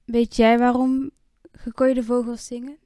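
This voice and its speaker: A woman performing her spoken word poetry, rhythmic and full of repeated lines, moving between loud and hushed delivery. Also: a little high, flat delivery, unhurried, dry recording, clean studio sound.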